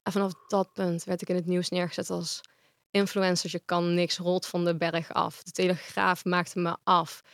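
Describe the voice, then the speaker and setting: A woman's voice: on the low side, level tone, moderate pace, no echo, studio quality. A woman guest in a casual interview, speaking frankly and at length.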